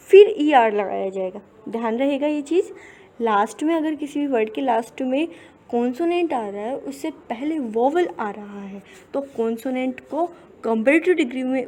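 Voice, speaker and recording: A woman teaching English grammar in Hindi, explaining step by step and slowing down to spell out English words and definitions. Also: high-pitched, mellow. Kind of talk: Hindi-medium grammar lesson.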